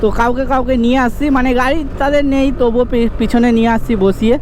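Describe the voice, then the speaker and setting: A young man with a very high-pitched voice talks casually to his viewers as he rides. He sounds chatty and informal, recorded inside a helmet with clearly audible traffic and engine noise around him. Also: fairly even intonation, quick pace, a little mellow. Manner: informal, chatty, frequently addresses viewers as brother. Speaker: motovlogger. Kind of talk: casual ride-along vlog chat to viewers. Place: outdoors, riding a motorbike in traffic.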